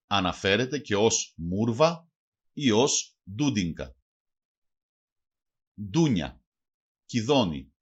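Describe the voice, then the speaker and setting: A man reads a vocabulary lesson aloud in a careful, deliberate way. His voice is somewhat husky and rises and falls in a lively way. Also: lowish voice, highs cut off. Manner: slow, careful reading of word lists. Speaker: language teacher.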